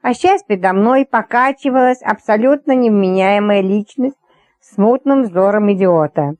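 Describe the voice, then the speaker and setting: A woman reads a first-person story with wry, brisk storytelling. Her voice is mellow and warm-toned, and the recording is dry and close with no room sound. She keeps an even, middle pitch. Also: dry recording. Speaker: audiobook narrator. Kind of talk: scripted first-person narration.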